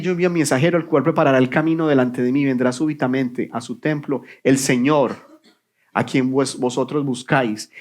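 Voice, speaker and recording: Male pastor, mid pitch, sermon delivery, question-and-answer rhythm, hushed answers. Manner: preaching with rhetorical questions and answers; drops to a low, quiet voice on key answers. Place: church sanctuary.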